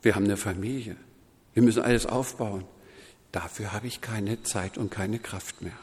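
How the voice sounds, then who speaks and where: A man preaching a sermon in a measured, deliberate way, quoting scripture voices as he goes. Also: lowish voice, steady tone, a little mellow, in a large hall. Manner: slow, measured preaching with quoted voices woven in.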